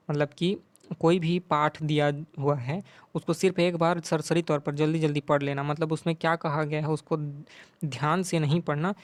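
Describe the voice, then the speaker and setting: A male teacher explaining exam questions in Hindi, reading the English questions slowly and adding tag questions as he goes. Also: a little high, dry recording.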